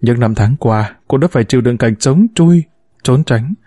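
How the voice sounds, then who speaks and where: A man reading a literary story aloud in measured, scripted narration. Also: medium pitch, animated, dark tone, dry recording, clean studio sound.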